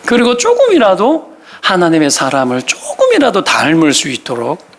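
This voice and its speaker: A middle-aged man with a Gyeongsang Korean accent, preaching a Sunday sermon as pastor and acting out nagging parents in quick voices. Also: high-pitched, huge pitch swings.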